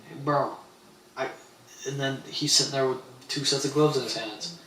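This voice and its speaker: A man's voice: medium pitch, steady tone, normal speed, a bit bright, distant mic. This young man rambles through his story in loose, slangy chat, acting out what others said. He sounds a bit away from the mic, in a roomy space with a faint hum of ambience behind him. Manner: rambling, slangy, quotes people in voices. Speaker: streamer. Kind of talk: casual storytelling on a livestream.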